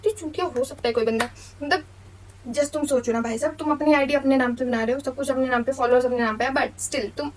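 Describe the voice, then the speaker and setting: Young female vlogger, quick and high-pitched, blunt and slangy storytime rant. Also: fairly even intonation, far from the mic. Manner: blunt, slangy, mixes English into speech. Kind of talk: venting storytime monologue.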